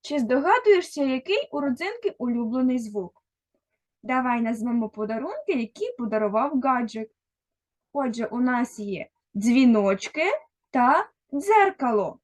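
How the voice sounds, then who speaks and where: Slow, patient woman teacher. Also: a little high, sing-song. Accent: Ukrainian. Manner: slow, patient, addressing a child directly. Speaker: primary school teacher. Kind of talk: first-grade literacy lesson.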